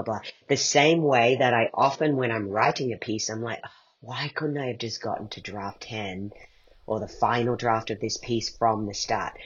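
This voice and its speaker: The speaker, a male playwright and podcast creator, answers as an interview guest, pondering thoughtfully and asking himself questions. He has a medium pitch with a somewhat bright, husky tone, recorded with muffled, lo-fi sound.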